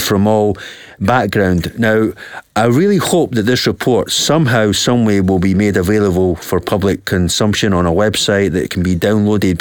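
A man's voice: on the low side, dry recording, clean studio sound. A man hosting a radio interview show, talking earnestly and with emphasis. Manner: earnest, emphatic, reads quotes aloud slowly. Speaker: talk show host.

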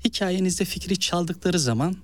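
In a dry recording with faint background music, a high-voiced man speaks at normal speed. The eastern Turkish accent belongs to a novelist and actor from Malatya who tells stories in an interview, animatedly voicing the quoted speech.

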